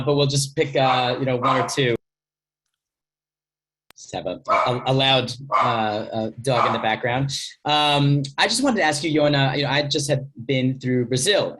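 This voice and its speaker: A man's voice: medium pitch, a bit bright, husky, poor audio. A man hosting an online session, reading out audience questions in a casual, filler-heavy way over a video call. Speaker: host.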